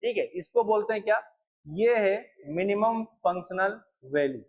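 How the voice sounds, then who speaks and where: A man's voice: sits high, expressive, unhurried, darkish tone, rough recording. A young man lecturing on math at a board, repeating points and asking his students questions. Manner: repetitive, asks students questions. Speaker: math teacher.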